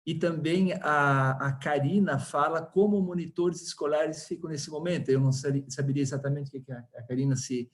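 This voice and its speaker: A man hosts a webinar question round over a video call. His voice is somewhat high, and he reads out the audience questions with small stumbles and restarts. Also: steady tone, brisk, hardly any pauses. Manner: hesitant, reading out questions. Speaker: webinar moderator. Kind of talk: moderating a Q&A.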